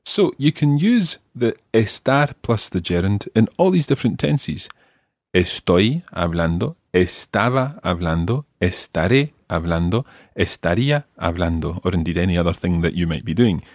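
A low-pitched male teacher hosts a language lesson podcast at a measured pace, explaining grammar with patience, encouragement and lively intonation. The audio is studio quality, with no echo.

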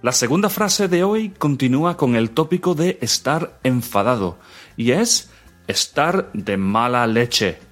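A man from leads a scripted language lesson segment. He talks at an average pitch and repeats each phrase slowly and clearly for learners. Soft music plays faintly behind him. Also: expressive. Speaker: language teacher.

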